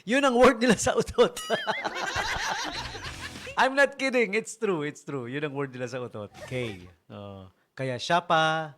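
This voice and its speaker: A man's voice: on the high side, slow, background noise. A man, a radio DJ telling funny stories in a casual, joking way and laughing often. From Philippines. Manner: joking, chuckling often, animated. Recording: radio broadcast with music behind. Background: music.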